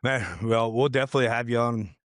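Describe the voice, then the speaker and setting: A man's voice: mid-range voice, a little fast, fairly bright tone, no room sound, clean studio sound. A man hosting a casual interview podcast, laid-back and full of fillers like "you know" and "man.". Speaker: podcast host and coach.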